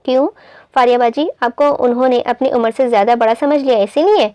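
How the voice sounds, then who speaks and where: A woman voicing a sharp-tongued young woman about to be married, teasing and whiny. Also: a little high, fairly even intonation, brisk, no room sound, lo-fi sound, lightly acted. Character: cheeky young bride-to-be, teasing and dramatic.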